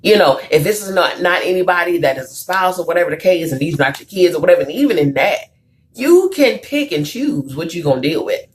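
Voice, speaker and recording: A woman's voice: on the low side, animated, fairly quick. A woman hosting a live talk show, telling a story in a conversational way, reading out viewer comments and driving her point home emphatically. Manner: emphatic, preachy. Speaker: talk show host and counselor.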